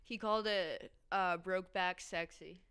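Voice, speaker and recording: A woman's voice: lowish voice, smooth. A woman co-hosting a podcast, chatting casually and telling a story about her performance class, laughing often. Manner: animated, laughs often, quick joking. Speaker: podcast co-host; adjunct professor of performance. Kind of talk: casual chat.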